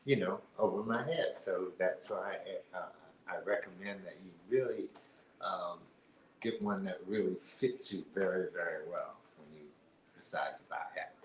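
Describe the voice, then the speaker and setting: A man's voice: low-pitched, normal speed, roomy sound, poor audio. A man co-hosting a casual live stream chat, rambling with lots of fillers and restarts. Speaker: co-host.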